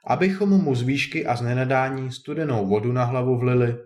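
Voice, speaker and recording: A man's voice: mid-range voice, darkish tone, close to an everyday voice. A man voicing a worried peasant mother who chides her son, in a storybook reading. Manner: fretful, chiding.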